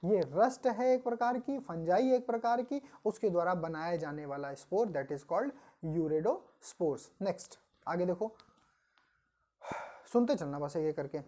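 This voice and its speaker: Biology coaching teacher, woman, mellow low voice, patient question-and-answer lecturing style. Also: lively intonation. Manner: explains patiently, asks the class questions and answers them herself; reads English definitions slowly, then explains them. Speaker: biology exam-prep teacher. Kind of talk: online coaching lecture in Hindi mixed with English terms.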